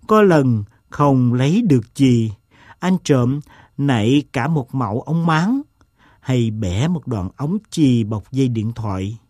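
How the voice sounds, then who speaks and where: A man playing a stubborn eccentric gentleman. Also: medium pitch, lively intonation, dry recording, clean studio sound. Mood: wry. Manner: slow, self-mocking, deliberate monologue.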